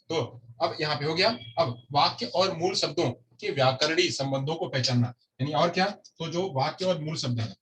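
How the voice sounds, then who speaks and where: A man's voice: a little high, bright, forceful tone. A man teaching a lecture, often repeating phrases and answering his own questions. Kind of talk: explanatory lecture. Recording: distant mic with faint noise.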